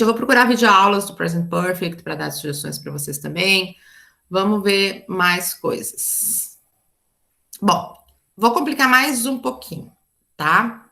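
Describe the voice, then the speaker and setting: Teaching English grammar online, this chatty Brazilian woman explains with frequent asides and checks such as "tá?", in a Brazilian Portuguese accent. Her voice is medium in pitch, creaky, and sharp in tone.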